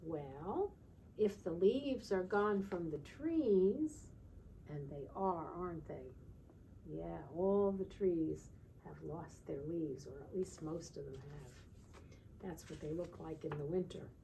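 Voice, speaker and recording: A woman teaching children's storytime reads aloud in a sing-song, expressive way, slipping in little questions for her listeners. Her lowish voice has a soft-edged, mellow tone and a slow pace. The recording is rough, with slight background noise.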